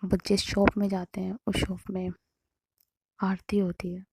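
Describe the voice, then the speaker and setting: A woman telling a story in a casual, conversational and hushed way. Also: mid-range voice, monotone, measured pace, breathy edge, no room sound.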